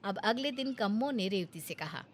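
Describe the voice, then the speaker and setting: A woman narrating a storybook tale in a steady, plain manner. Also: medium pitch, moderate pace.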